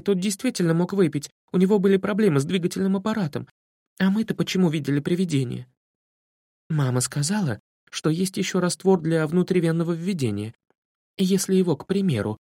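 A woman's voice: fairly low pitch, warm tone, no echo, clean studio sound, pitched above the performer's own voice. A man voicing a clever, bookish girl who explains things precisely.

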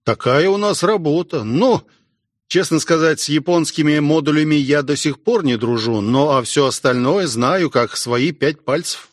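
A man voicing a gruff, wry veteran male station commander in an audiobook, talking in an unhurried way. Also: fairly high pitch, no echo, clean studio sound, natural voice. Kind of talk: audiobook character voice.

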